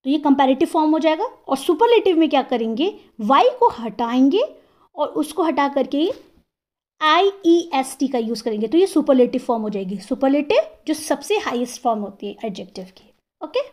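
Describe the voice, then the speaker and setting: Woman teacher, high-pitched voice, warm and mellow tone, patient step-by-step grammar lesson, sounds out words slowly. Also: very animated. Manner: explains patiently, repeats example words slowly syllable by syllable; checks in with the listener often. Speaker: English teacher. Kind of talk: classroom-style grammar lesson.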